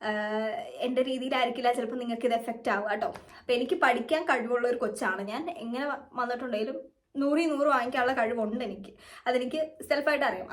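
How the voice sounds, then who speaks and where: Fast-talking young Malayali woman vlogger. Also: sits high. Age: young adult. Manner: chatty, rambling, mixes English words in. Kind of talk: casual storytelling to camera.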